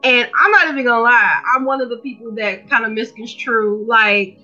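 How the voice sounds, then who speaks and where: A woman's voice: on the high side, normal speed, pushed and bright, muffled recording, faint music behind. A woman hosting a podcast in a casual, chatty, informal and slangy way. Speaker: podcast host.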